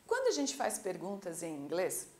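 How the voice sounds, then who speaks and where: A Brazilian woman with a Brazilian Portuguese accent teaching an English class, slowly modeling phrases and checking in with her students. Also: on the low side, reverberant. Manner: lively, drawn-out model pronunciation with teacherly check-ins. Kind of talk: online classroom lesson.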